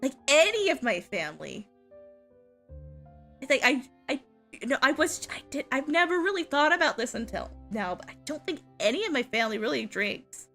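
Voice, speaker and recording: Young woman streamer, high and very lively voice, bright, unhurried casual chat, constant giggles. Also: faint music behind. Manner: giggly, laughs often between sentences. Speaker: VTuber streamer.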